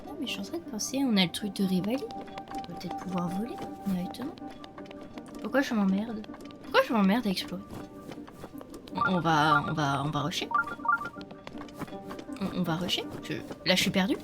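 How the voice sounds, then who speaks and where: Game music runs under this casual commentary from a young woman streaming a let's play, her voice stuffy and slightly nasal from a cold. Chatty and quick to laugh, she addresses her viewers from home in an expressive, medium-pitched voice at a moderate pace, pausing often.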